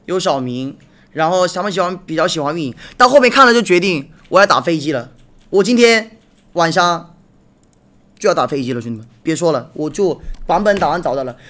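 A young man streaming live, chatting casually while watching a match and thanking viewers for gifts, repeating himself when excited. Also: a little high, a little fast. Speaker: game streamer.

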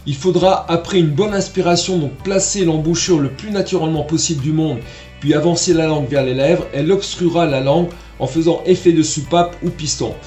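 Male trumpet teacher, patient and explanatory, slightly high voice, roomy echo. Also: brisk, a little mellow, faint music behind. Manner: patient, explanatory, demonstrates syllables aloud. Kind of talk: online music lesson.

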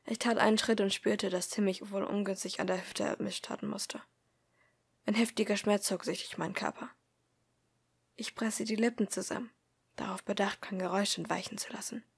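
A woman reading a fan fiction audiobook in a soft, often half-whispered narration. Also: mid-range voice, fairly even intonation, normal speed, creaky, husky. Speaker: audiobook reader.

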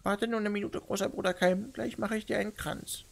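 A man's voice: sits high, fairly even intonation, brisk, vocal fry, voice pushed up. A man voicing a very old, dying great-grandmother in a narrated game story, childlike, tender and faint, lost in her memories. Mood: faint, wistful.

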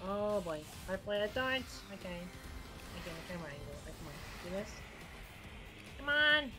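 A woman hosting a let's play, giving excitable gameplay commentary with frustrated outbursts and laughter. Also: on the low side, fast. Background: faint game music.

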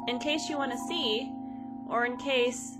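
A woman's voice: high voice, fairly even intonation, measured pace, loud music behind the voice. A woman voicing a shy, apologetic ghost from a game, speaking in a timid, hesitant way. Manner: timid, hesitant, self-deprecating.

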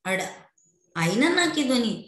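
Woman, primary school teacher, unhurried, patient repetition, mid pitch, roomy echo. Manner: slow and patient, repeating words for children to echo. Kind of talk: online class lesson for young children.

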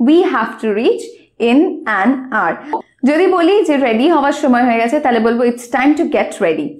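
A high-pitched woman with a Bengali accent, a native Bengali speaker teaching spoken English. She says each example sentence slowly and deliberately, word by word. The recording has a noticeable roomy echo. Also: a little mellow. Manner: slow, carefully spaced example sentences.

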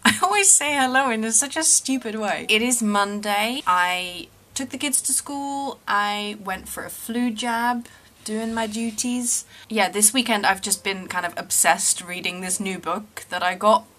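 A woman's voice: medium pitch, a little slow, sharp tone. A woman in her thirties, an artist chatting casually in a vlog, reflective and self-deprecating as she thinks aloud. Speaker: artist vlogger.

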